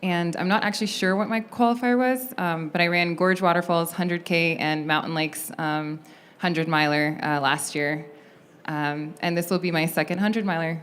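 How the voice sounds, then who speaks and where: A woman raised in Oregon introducing herself as a panel guest in a soft-spoken, hesitant way. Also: on the low side, steady tone, moderate pace, slight background noise.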